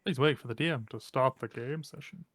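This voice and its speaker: A man's voice: medium pitch, a little fast, fairly bright tone, no echo. Casual man with a dry close sound. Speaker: tabletop game player. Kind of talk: casual chat during a game.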